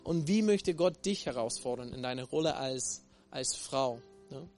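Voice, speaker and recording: A man from Texas with an American accent preaching a sermon, halting often with fillers and restarts and ending many phrases with a tag question. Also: mid-range voice, expressive, a little mellow, soft background music. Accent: American English. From Texas, USA.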